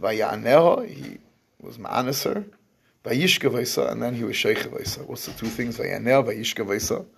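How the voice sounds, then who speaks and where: Gravelly man teaching a scripture class. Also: mid-range voice, moderate pace, a bit bright, slight background noise. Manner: explains in English with Hebrew terms, restarts often. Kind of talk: lecturing on scripture.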